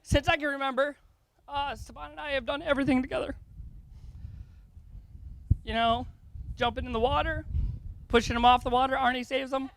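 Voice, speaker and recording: Tearful young man, bright high voice. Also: steady tone, moderate pace, creaky, long pauses, slight background noise. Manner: emotional, rambling, laughing between lines. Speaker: brother of the groom giving a toast. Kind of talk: wedding toast.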